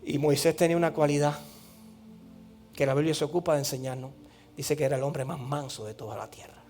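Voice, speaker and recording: A male pastor preaching a sermon, emphatic and repetitive, moving from loud declarations to hushed lines. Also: fairly high pitch, flat delivery, brisk, faint music behind.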